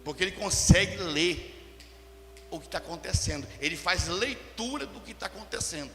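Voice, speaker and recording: A pastor preaching a sermon, swinging between loud emphatic passages and quiet asides. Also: male voice, sits high, lively intonation, normal speed, soft background music. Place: church hall. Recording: echoey hall with long reverb.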